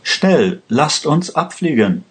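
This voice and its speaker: A man voicing an excitable, commanding male hijacker who urgently shouts orders in a storybook reading. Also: fairly high pitch, takes it slowly, husky, pitched above the performer's own voice, heavily acted.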